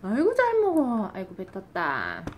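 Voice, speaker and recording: A woman's voice: fairly high pitch, wildly swooping pitch, normal speed. A young mother at home coaxing her baby to eat with playful sing-song baby talk. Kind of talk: casual home video. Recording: noisy home recording.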